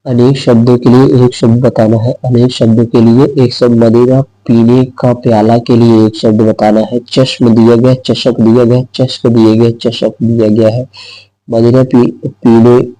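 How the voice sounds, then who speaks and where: A man's voice: mid-range voice, flat delivery, a little slow, mellow, dry recording, low-quality recording. A man teaching an exam-prep lesson who repeats each word and answer aloud and explains step by step.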